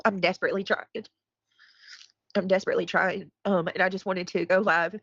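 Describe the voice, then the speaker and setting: A woman's voice: lowish voice, flat delivery, fairly quick, fairly bright tone, dry recording. An overwhelmed, upset woman chatting casually and confessionally on a live stream, with a stuffed-up nose. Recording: slightly dull, dry audio.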